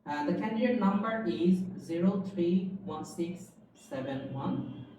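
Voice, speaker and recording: A woman acting as examiner in a mock speaking test, asking questions in a formal, measured way. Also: lowish voice, animated, warm tone, a little hiss or hum. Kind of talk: scripted exam questions. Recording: echoey room, far from the mic.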